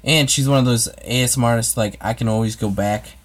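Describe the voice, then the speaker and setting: Answering comments during a casual livestream, an American man hosting his own ASMR channel rambles hesitantly, with lots of fillers and restarts. He speaks at a medium pitch and a little fast.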